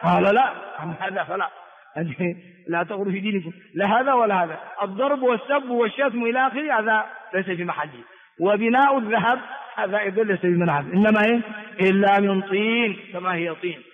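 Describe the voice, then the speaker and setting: A man's voice: high voice, fast. A man teaching a religious text in a classroom lecture, repeating words for students and asking rhetorical questions. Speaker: Islamic scholar teaching a hadith text. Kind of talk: classroom lecture on hadith and grammar. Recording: tinny phone-like echoey hall recording.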